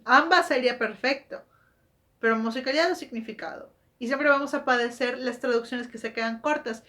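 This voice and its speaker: A woman's voice: fairly high pitch, fairly quick, sharp tone. A woman hosting a book channel, talking casually in a chatty way, correcting herself and asking rhetorical questions. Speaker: book vlogger. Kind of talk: casual explanatory monologue.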